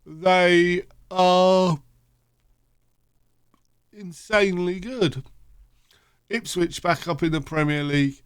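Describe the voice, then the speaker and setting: A man's voice: on the high side, smooth, dry recording, studio quality. A sleepy man casually commentating his football management game, rambling and thinking aloud with lots of fillers. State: sleepy, yawning. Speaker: gaming channel host. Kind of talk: casual let's-play commentary.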